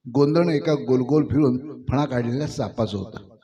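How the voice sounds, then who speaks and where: A man reading a literary short story aloud in a measured, expressive narrating voice. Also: mid-range voice, dull audio. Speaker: story reader.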